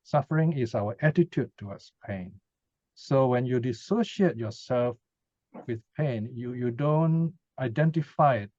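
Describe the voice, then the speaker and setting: A man with a medium-pitched, mellow voice gives an informal Buddhist teaching talk, expressive and unhurried, and answers questions. He keeps it conversational, often checking in with short tag questions. The sound is dry, dull and lo-fi.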